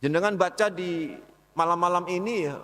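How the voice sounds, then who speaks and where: A preacher gives a casual, conversational talk at a dawn study session in a large mosque hall, where a long reverb trails his words. His voice sits high and fairly bright at normal speed, and he often addresses listeners as "Pak" and "saudara."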